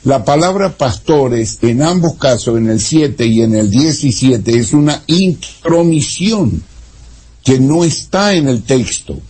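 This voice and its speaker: Slow, husky-voiced man explaining scripture. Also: medium pitch, expressive, a little mellow. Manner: deliberate, explanatory, with hesitant restarts. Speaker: theologian guest.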